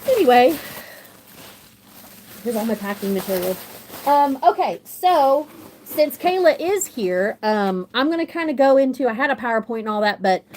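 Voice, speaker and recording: A woman's voice: on the high side, animated, moderate pace, a little mellow, slight background noise. A woman, gushing and rambling on a casual livestream, showing off her collection with lots of restarts. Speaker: model horse collector hosting a livestream.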